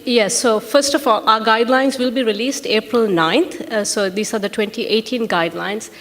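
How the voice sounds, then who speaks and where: A woman with a slightly high voice answers in a measured, steady way, pausing on the odd filler. Her voice rings with a long reverb, as if in a large hall. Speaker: representative of a health charity. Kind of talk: conference interview answers.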